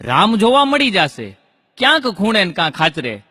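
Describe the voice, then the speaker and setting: A male comic spins folk stories and rhyming couplets from the stage. His voice is high and bright. A long hall echo trails each line. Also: very animated, normal speed, slightly rough. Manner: storytelling with punchlines and rhyming couplets. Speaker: stand-up comedian. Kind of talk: Gujarati folk stand-up comedy.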